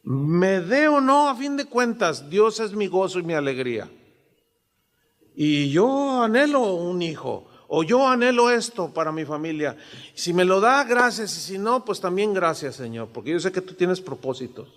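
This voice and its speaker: High-voiced pastor preaching in a hall. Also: male voice, a little slow. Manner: animated, acts out quoted voices. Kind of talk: sermon. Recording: long hall reverb.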